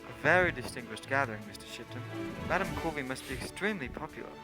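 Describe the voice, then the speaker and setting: Guy as polite old-timey doctor sidekick, chatty fast, genial, loud music behind, radio play. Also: medium pitch, expressive, natural voice. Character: genial, courteous middle-aged gentleman doctor sidekick.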